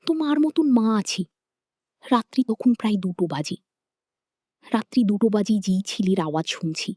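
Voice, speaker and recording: A woman's voice: mid-range voice, darkish tone, slightly rough, no echo, clean studio sound. A woman telling an emotional family story aloud, repeating herself and restarting phrases. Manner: repetitive, with restarts.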